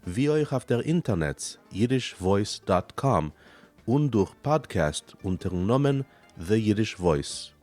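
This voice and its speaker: A male radio announcer reading a formal station introduction in a measured way. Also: lowish voice, very animated, a little mellow, faint music behind.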